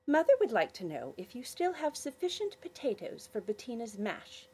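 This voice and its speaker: A woman's voice: very animated, moderate pace, husky. A woman voicing a bold, cheeky young girl twin in a storybook reading. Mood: insistent. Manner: high, bright and insistent.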